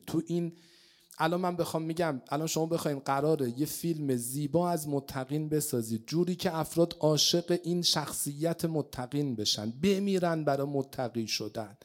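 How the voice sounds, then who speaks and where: Preacher, storytelling sermon, slow Arabic recitation, swings loud to hushed. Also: male voice, fairly high pitch. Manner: recites Arabic slowly, then explains in Persian; dramatic swings between loud and hushed delivery. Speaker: religious speaker.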